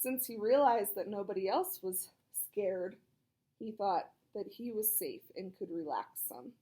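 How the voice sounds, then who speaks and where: A read-aloud storyteller with a mid-range voice shares a children's picture book at an unhurried pace. She's expressive and chatty, adding casual explanatory asides for young listeners.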